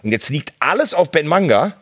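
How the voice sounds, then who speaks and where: A football reporter telling stories in a casual chat, animated and full of fillers and restarts. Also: male voice, a little high, a little fast, husky.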